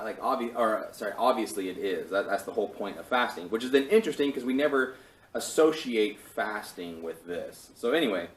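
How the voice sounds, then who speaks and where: A man teaching a casual Bible study, talking in a loose, rambling way with fillers and restarts. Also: lowish voice. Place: church meeting room. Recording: roomy, from a distance, faint background hiss.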